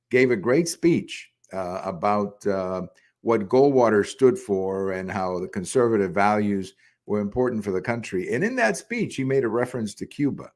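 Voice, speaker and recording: An older man hosting a solo political commentary show, talking conversationally with frequent pauses and restarts. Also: on the low side. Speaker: podcast host.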